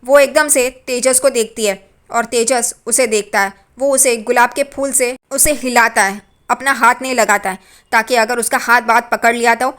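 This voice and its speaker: A woman's voice: fairly high pitch, steady tone, moderate pace, fairly bright tone. A woman casually retelling a TV serial episode, with plain, repetitive storytelling. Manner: plain storytelling, repeats phrases like "yahan pe". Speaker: TV serial recap narrator.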